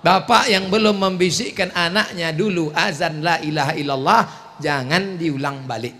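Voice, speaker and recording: Animated, high-voiced male preacher. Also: moderate pace. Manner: animated and dramatic, jokes and acts out voices. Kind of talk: sermon.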